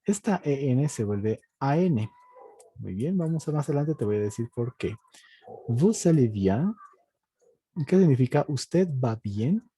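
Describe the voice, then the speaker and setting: Husky, dark-voiced male language teacher. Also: medium pitch, expressive. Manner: patient, repetitive explaining with tag questions; slow, drawn-out model pronunciations. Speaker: French teacher. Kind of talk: online language lesson.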